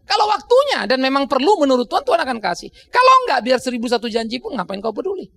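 A man's voice: very high voice, sing-song, quick pace, gravelly, a bit bright, no echo. A middle-aged male pastor, preaching a sermon in a conversational way, often laughing at his own stories. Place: church.

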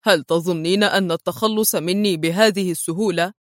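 A calm, stern male secret agent hero speaks low and mockingly, as a woman narrator puts him on. Dry, close audiobook sound. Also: brisk, no room sound, natural voice.

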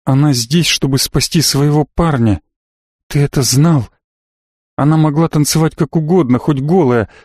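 A man's voice: a little high, moderate pace, a little mellow, no room sound, natural voice. A hot-tempered young woman, read by a man, speaking cold and cutting, with a muffled, contemptuous edge. The recording is dry and close. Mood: scornful. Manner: mocking, cold, harsh. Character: fierce, scornful young woman.

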